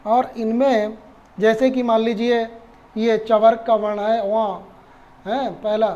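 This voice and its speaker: एक पुरुष शिक्षक जो धैर्य से पाठ समझाता है, बातें दोहराता है और खुद से सवाल पूछता है।. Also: male voice, high voice, flat delivery, slow pace, warm tone, highs cut off. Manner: patient, repeats points and asks rhetorical questions. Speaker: Sanskrit teacher. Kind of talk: explaining lesson.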